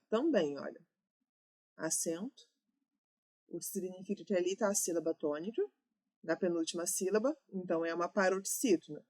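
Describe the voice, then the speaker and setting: A woman's voice: mid-range voice, a bit bright. Brazilian teacher lady going through exam questions, methodical, fixes herself midway. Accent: Brazilian Portuguese. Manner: explains step by step, often checking herself. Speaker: Portuguese teacher. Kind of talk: exam-prep lesson.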